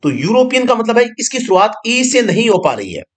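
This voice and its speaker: Lively-voiced male teacher. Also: very high-pitched. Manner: explains slowly, repeats each word and meaning, asks the class questions. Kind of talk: online exam-prep grammar lesson.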